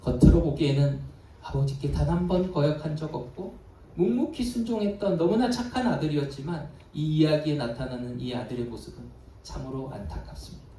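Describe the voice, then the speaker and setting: A male pastor delivers a sermon as dramatic storytelling, dropping to hushed lows and then rising to emphatic peaks. His voice sits on the high side for a man. It rings through a large, strongly reverberant church hall and is picked up from well away from the mic. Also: a little fast, recorded from a distance, a little hiss or hum. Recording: echoey hall, voice from afar.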